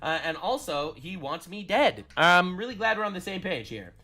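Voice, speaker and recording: A man delivers a sarcastic, combative political monologue in a played clip. His voice is bright and forward and sits a little high. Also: big pitch swings, moderate pace.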